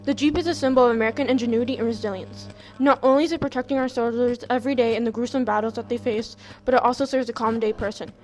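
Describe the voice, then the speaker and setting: Woman acting as 1940s commercial announcer, high voice, quick, proud, promotional, upbeat. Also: fairly even intonation, a little mellow, natural voice, low-quality recording. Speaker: advertisement announcer. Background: music.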